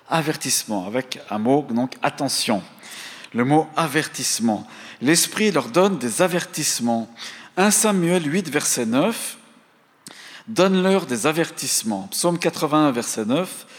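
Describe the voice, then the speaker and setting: French preacher man in a reverberant hall. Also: mid-range voice. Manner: teaching, reading out verse references, asks the congregation to pray aloud. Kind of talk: sermon.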